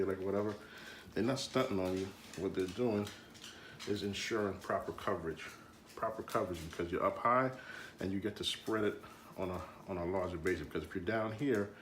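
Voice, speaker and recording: In an echoey room with a faint hiss or hum, a Jamaican cooking show host with a lowish voice demonstrates home cooking. His talk is casual, jokey, and filler-heavy, and he slips into a Jamaican accent.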